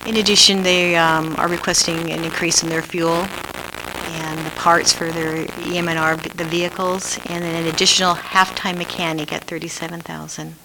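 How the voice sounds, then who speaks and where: A woman giving a formal budget report at a public meeting, reading out items and figures. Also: on the low side. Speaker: staff budget presenter. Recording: faintly noisy meeting room recording.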